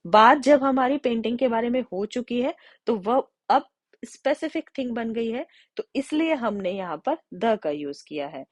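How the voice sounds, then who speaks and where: Woman teacher explaining grammar step by step, slows way down on example sentences, dry close sound. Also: fairly high pitch, expressive, no echo. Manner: checks in with the listener often. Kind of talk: explanatory lesson to students.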